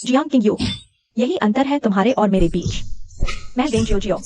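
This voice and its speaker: A woman's voice: on the high side, fairly quick, a little mellow, no echo, soft background music, natural voice. A woman voicing a spoiled, cruel rich young woman who talks down haughtily in a dubbed drama. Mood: contemptuous. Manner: haughty, commanding.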